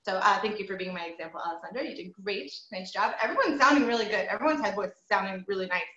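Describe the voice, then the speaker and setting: Bright-voiced woman voice teacher. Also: mid-range voice, animated, fast talker. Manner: encouraging, patient, frequent ums. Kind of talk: group singing lesson with sung demonstrations. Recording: roomy, slightly dull audio.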